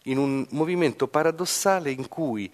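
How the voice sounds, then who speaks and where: A man giving a thoughtful literary commentary, pausing often with hesitations. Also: fairly high pitch, in a large hall.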